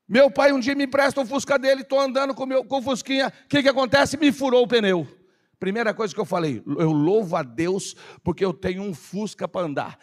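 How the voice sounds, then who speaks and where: A man preaching a lively sermon in church, firing rhetorical questions and calling for responses. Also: very high voice. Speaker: pastor. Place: church service.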